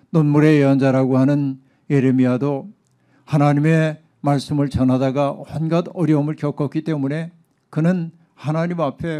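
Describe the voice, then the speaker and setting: A male pastor delivering a sermon in a measured, reflective way, with soft spoken asides as he tells a story. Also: on the high side.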